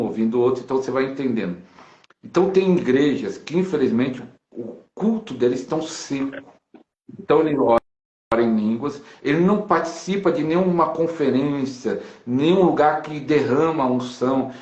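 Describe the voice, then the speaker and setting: A man with a Brazilian accent, a pastor, talking emphatically on a live video call and slowing down to quote scripture. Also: mid-range voice, darkish tone, echoey room, muffled recording. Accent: Brazilian Portuguese.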